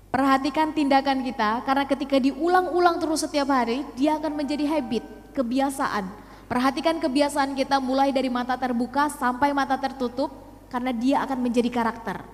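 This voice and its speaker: High-voiced woman speaking in a hall. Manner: rhetorical questions, mixes English phrases. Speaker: speaker at a youth talk show. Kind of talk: motivational public speech. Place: hall with live audience. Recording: long hall reverb.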